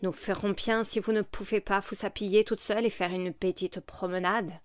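A woman's voice: mid-range voice, steady tone, normal speed, no echo, studio quality, natural voice. A woman reading the part of a violent, brusque army commander who gives curt threats. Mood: curt threatening.

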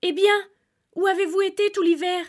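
A woman reading a storybook aloud, voicing a shepherd's wife who frets and scolds in a raised, high voice. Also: fairly even intonation, moderate pace. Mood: angry. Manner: fretful, scolding. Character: worried, sharp-tongued shepherd's wife.

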